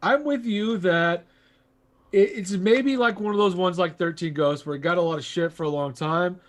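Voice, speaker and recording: A high-pitched man chatting casually about horror films. He rambles, laughs a lot and throws in crude jokes as a podcast co-host. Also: moderate pace. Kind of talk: casual horror movie chat.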